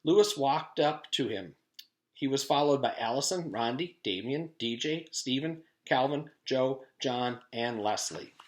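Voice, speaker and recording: Like a teacher reading to students, a man reads a children's chapter book aloud in an animated storytelling style. His voice is mid-range and his pace a little slow.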